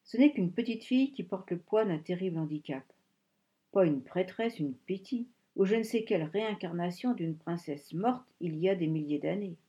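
A woman's voice: on the low side, animated, normal speed, dark tone, natural voice. A woman reading the part of a firm, protective young woman who speaks directly.

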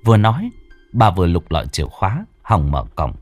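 A man's voice: low-pitched, huge pitch swings, a little fast, darkish tone, no room sound, dull audio, soft background music. A man narrating a ghost story in a suspenseful, vivid cadence.

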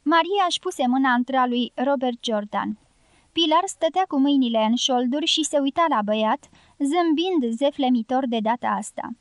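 A woman narrating a literary audiobook in a steady, measured way. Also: high-pitched, no room sound.

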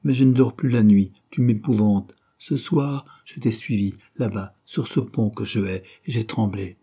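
A man's voice: on the low side, moderate pace, mellow, breathy edge. A man reading a novel aloud, voicing a passionate young woman who pleads urgently with her lover. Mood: pleading passionately. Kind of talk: audiobook character reading.

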